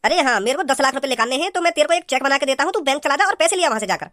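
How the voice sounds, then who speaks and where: A stern cartoon father, as a performer puts him on, giving quick orders to his son. The voice is high and the pace is brisk. The sound is dry and close to the mic. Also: expressive, a bit bright, no echo. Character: stern father of a simple boy. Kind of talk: cartoon voice acting.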